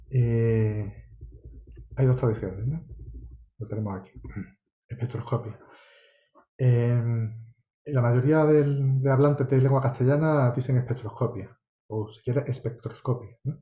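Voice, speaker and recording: A man's voice: medium pitch, a little slow, pauses often, roomy sound, lo-fi sound. A man from Spain answering course questions as an astronomy lecturer, meticulous and explanatory, often checking in with tag questions. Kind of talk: online course Q&A.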